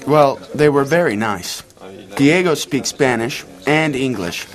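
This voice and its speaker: An actor playing a friendly young man in a scripted dialogue for English learners, speaking clearly and carefully. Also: medium pitch, animated, natural voice. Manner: clear, slow, carefully spoken. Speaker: lesson dialogue character.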